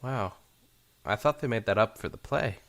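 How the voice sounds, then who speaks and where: A man's voice: lowish voice, moderate pace, fairly bright tone. A man reading a curious young pony princess.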